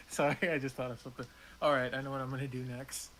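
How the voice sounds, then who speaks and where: A man's voice: medium pitch, flat delivery, quick pace, fairly bright tone. Young male player, brash and joking, casual delivery, light background hiss. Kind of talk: casual tabletop play.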